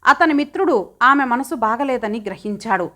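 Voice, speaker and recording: A woman narrator giving a steady, expressive reading of a magazine short story for an audiobook. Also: a little high, moderate pace.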